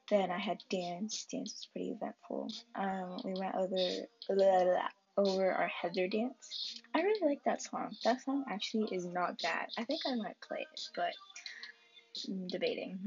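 A woman's voice: mid-range voice, highs cut off, a little hiss or hum. A teenage girl casually recapping her weekend in a rambling vlog, full of likes and ums. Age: teens. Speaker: student vlogger.

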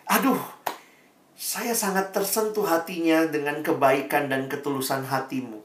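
A preacher acting out a kind, just king in a story told during a sermon, speaking slowly and gently. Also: mid-range voice, fairly even intonation, lightly acted. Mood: gracious. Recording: echoey room, voice far from mic.

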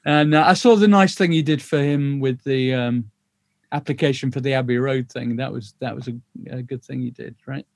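The recording is dry as a man from the north of England, in his sixties, hosts a loose, talkative video-call interview, laughing readily. His mid-range voice carries some vocal fry.

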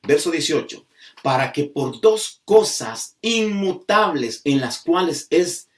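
A man preaching a sermon, slow and emphatic, stretching out key words as he drives a point home. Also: on the high side, expressive. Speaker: pastor. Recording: voice from a distance off the mic.

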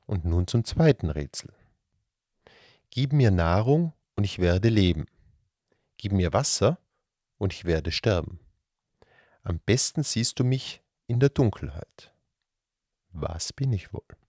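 Male storyteller for kids: low, husky, unhurried fairy-tale reading. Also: no room sound, clean studio sound. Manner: slow, calm, gravelly storytelling. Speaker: storyteller host. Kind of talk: fairy tale read aloud for children.

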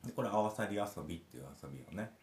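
A man's voice: fairly low pitch, lively intonation, very fast, darkish tone, slight background noise. A man who is a parent, telling a rambling story with many fillers in casual podcast chat. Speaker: podcast host. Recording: roomy echo.

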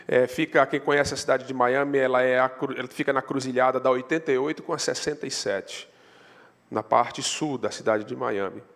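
A Brazilian man preaching a sermon as a pastor, in storytelling style, his voice rising in pitch and force on the points he stresses. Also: steady tone, fairly quick, a bit bright. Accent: Brazilian Portuguese. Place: church sanctuary. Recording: long hall reverb.

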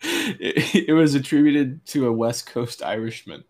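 A man's voice: mid-range voice, huge pitch swings, a little slow, a little mellow. A man on a podcast, chatting casually and reading out facts in a dry way. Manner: dry, reads facts out, laughs often. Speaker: podcast co-host. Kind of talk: casual chat.

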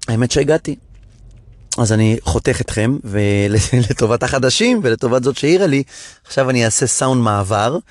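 Recorded at studio quality with no room sound, this comedian and podcast host speaks in a mid-range voice. In a chatty, animated monologue, he tells stories about his gigs and performs the dialogue of the people involved in quoted voices.

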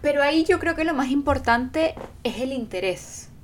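A high-pitched woman from Venezuela talks at a normal speed on the casual podcast she co-hosts with her partner. Earnest and animated, she acts out what others say, with slight background noise audible.

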